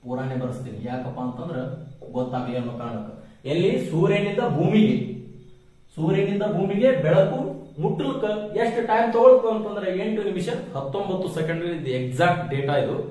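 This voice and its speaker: A male teacher, his voice a touch higher than most men's, lectures emphatically, repeating key terms and asking questions he answers himself. He is heard from a distance in a very echoey room. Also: big pitch swings, quick pace, a little mellow. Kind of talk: exam-coaching lecture.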